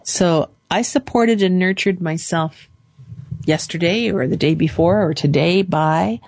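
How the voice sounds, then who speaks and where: A woman hosting a call-in show, calmly leading a caller through affirmations phrase by phrase. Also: lowish voice, dry recording. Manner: calm, slow, leads phrases for repeating. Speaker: radio show host and coach.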